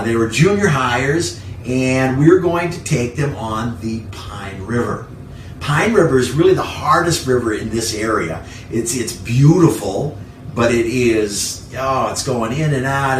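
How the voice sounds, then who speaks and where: Speaking at a measured pace in a mid-range voice, a man preaches casually as a pastor, circling back to key phrases to stress them. He's recorded at home in his living room, where the distant mic picks up room echo and a bit of faint noise.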